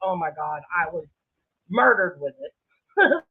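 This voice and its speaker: A livestream creator chats casually with her viewers, brash, dramatic, and sweary, laughing often. Her voice is lowish and a bit breathy, slow-paced with big swings in pitch. The recording sounds muffled, narrow, and lo-fi.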